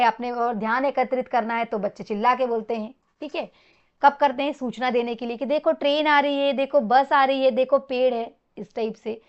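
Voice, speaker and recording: A woman's voice: a little high, dull audio. A woman teacher giving an exam-prep lecture, explaining with simple examples and often checking in with her students.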